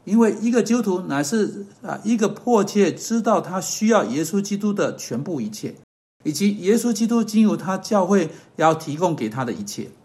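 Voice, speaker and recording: A man giving an earnest sermon-style podcast teaching that closes in prayer, pausing on fillers and correcting himself as he goes. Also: high voice, sing-song, darkish tone. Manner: earnest, measured, with hesitant fillers and self-corrections.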